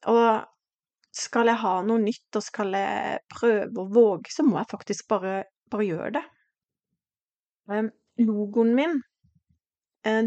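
A woman's voice: mid-range voice, a little mellow, dry recording. Heartfelt woman in her forties, dry sound. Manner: heartfelt and reflective, with hesitant fillers and restarts. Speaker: podcast host. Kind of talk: personal podcast monologue.

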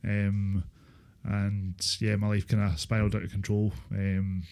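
A Scottish man in his thirties recalling his life in a casual interview, speaking haltingly with repeated filler phrases. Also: on the low side, monotone, a little mellow. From Inverness, Scotland. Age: 30s. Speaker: interview guest, former supported-housing tenant. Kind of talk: casual interview, personal recollection.

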